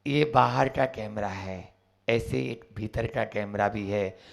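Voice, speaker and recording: A man, a monk, giving a sermon at a jail gathering, telling stories in animated swings between loud and soft. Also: fairly low pitch, slow pace, gravelly. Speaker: Jain monk preacher. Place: jail gathering, partly outdoors. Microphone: camera recording.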